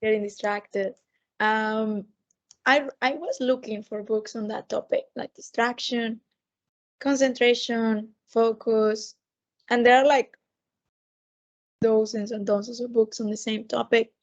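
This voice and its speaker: A woman chatting casually as a podcast co-host, with a thick, sore-throat voice and a halting delivery that often repeats words. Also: fairly high pitch, steady tone, dull audio. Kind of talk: casual chat.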